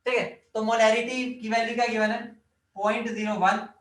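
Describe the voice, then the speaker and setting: Echoey, high-voiced chemistry teacher. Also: male voice, level tone, moderate pace, a bit bright. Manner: drills formulas, quizzes students, jokes. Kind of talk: classroom lecture. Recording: echoey room, mic at a distance.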